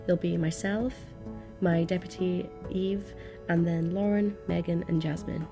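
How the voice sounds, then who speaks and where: A woman's voice: fairly low pitch, steady tone, a little slow. A woman hosting a podcast, reading a scripted welcome and introduction to the show. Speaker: podcast host. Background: music with guitar.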